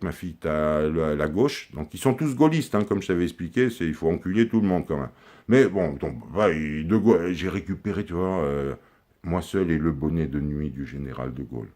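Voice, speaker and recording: Deep-voiced man rambling crude jokes. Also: a little mellow. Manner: rambling, crude, jokey, confiding. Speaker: comic character sending a video message to his daughter. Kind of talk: rambling comic monologue. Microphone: handheld camera close up.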